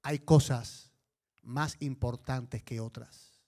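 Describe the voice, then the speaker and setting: A male pastor preaching a sermon, telling stories with emphatic, animated delivery. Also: medium pitch, takes it slowly.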